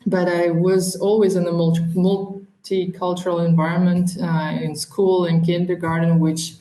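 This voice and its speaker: Podcast guest: young woman from southern Russia, non-native, mellow tone, reflective with pauses, roomy echo. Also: lowish voice, flat delivery. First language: a minority language of Russia. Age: young adult. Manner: thoughtful, hesitant, with frequent ums and laughs. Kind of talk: reflective interview talk.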